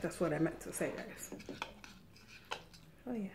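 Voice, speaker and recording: A woman's voice: fairly low pitch, a little slow, vocal fry, noisy background. A middle-aged woman hosting an eating show, chatting casually while she eats at home. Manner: chatty, eats and talks with mouth full.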